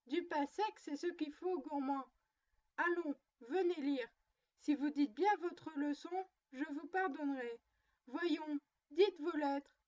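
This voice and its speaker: A high-voiced little girl lectures her doll like a strict, prim mother, taking her time over each reproach, as a woman puts her on. It is a storybook reading with slightly muffled, lo-fi sound. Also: takes it slowly, darkish tone. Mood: scolding.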